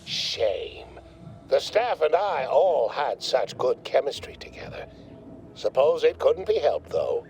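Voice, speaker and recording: A man's voice: mid-range voice, big pitch swings, takes it slowly, a little mellow, slight background noise, low-quality recording. An actor playing a pompous male corporate scientist in a video game, speaking in verbose, condescending corporate jargon. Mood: smug.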